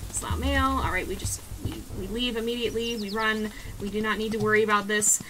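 A young woman streaming a speedrun, giving quick, excitable play-by-play commentary and repeating phrases as she goes. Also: medium pitch. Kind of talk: live gameplay commentary. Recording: game music in the background.

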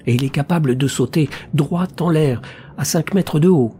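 Man doing a young woman, submissive, wide-eyed, soft, dark mellow base voice, faint hiss, audiobook. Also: on the high side, moderate pace, pitched above the performer's own voice, lightly acted. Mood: dreamy unease. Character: troubled young woman, dreamy and eerie. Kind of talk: audiobook reading.

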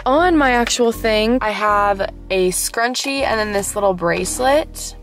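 A young adult woman vlogger gives a casual, bubbly tour of her car while sitting in it parked, filming on a handheld phone camera. Her voice is fairly high and fairly bright, a little slow, and chatty with giggles. Soft music plays in the background.

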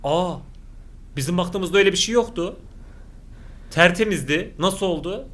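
A man narrating his reaction to horror clips, his voice sitting high for a man. He jumps between shrieks and hushed self-calming, swearing oaths as he goes. A faint hum of room noise sits under his voice. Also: normal speed. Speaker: YouTuber reacting to horror videos. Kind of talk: reaction commentary.

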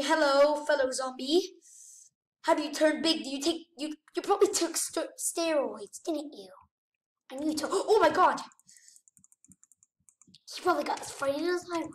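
A high-pitched woman narrates her gameplay in an excitable rush, gasping and piling up repeated exclamations. Her voice sits a little back from the mic in an echoey room. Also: distant mic. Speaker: gaming channel host. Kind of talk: let's-play commentary.

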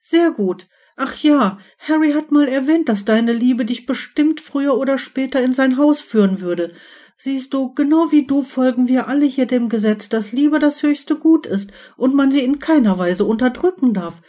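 A woman's voice: high voice, lively intonation, normal speed, dark tone, pitched above the performer's own voice. A woman voicing a gushing, overly sweet teenage witch in an audiobook reading. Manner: gushing, syrupy and eager.

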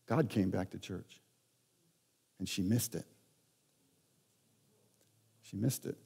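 A man's voice: deep voice, slow, vocal fry, dark tone, slightly rough. Male pastor preaching in a reverberant hall. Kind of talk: sermon. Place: church sanctuary.

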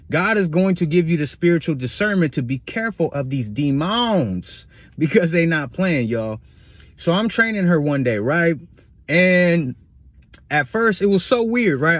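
A man's voice: on the high side, no echo. A man vlogging a casual, emphatic story with preachy asides to his viewers.

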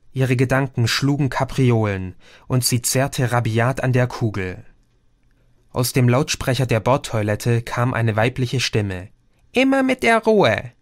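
A man reading an audiobook in measured, even storytelling. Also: mid-range voice, dry recording, clean studio sound. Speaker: audiobook narrator. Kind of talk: scripted narration.

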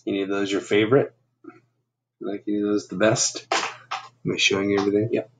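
Against a noisy background, this man in his fifties reads a children's picture book aloud in a lowish, monotone voice at a brisk pace. He's in a small room at home and adds simple, conversational asides to explain things.

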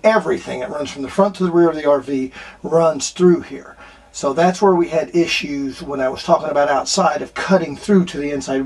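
Husky guy with a slightly high voice rambling through a camper bathroom tour, lots of uhs. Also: a little mellow. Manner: rambling, many fillers and restarts. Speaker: RV renovation vlogger. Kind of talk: casual walkthrough narration. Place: inside a small RV bathroom.

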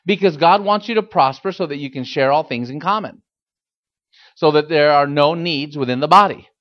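A male pastor delivers a fiery sermon in a high voice. He exhorts emphatically, repeating key phrases and firing questions at his listeners. The recording is a little dull and lo-fi. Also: normal speed.

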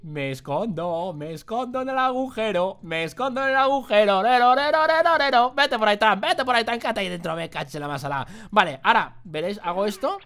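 Excitable Spanish gamer man. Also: sits high, brisk, hardly any pauses. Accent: Spain Spanish. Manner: jokey, exclaiming, muttering to himself while playing. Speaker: gaming youtuber. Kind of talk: excited gameplay commentary.

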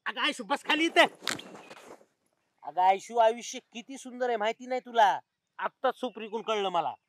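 A woman's voice: fairly high pitch, expressive, a little hiss or hum, close to an everyday voice. A woman playing a young village man who rambles and philosophizes in a comedy skit. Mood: musing. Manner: preachy, drawn-out musing.

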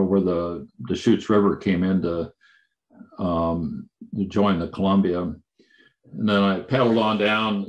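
Halting low-voiced man presenting slides. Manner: halting, many fillers and restarts.

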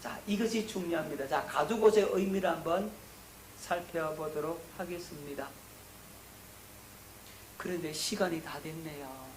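A man's voice: normal speed, pauses often, slight background noise. Echoey Korean-style pastor preaching, a man. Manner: asks the congregation questions and answers them himself; rises in pitch and volume on emphasis. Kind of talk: sermon lecture with slides. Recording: echoey room.

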